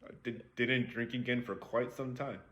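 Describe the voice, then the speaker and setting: Young dude cohosting a podcast, bright sharp voice, laughs a lot, slangy. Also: male voice, mid-range voice, fairly even intonation, normal speed. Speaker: podcast co-host. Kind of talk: casual chat.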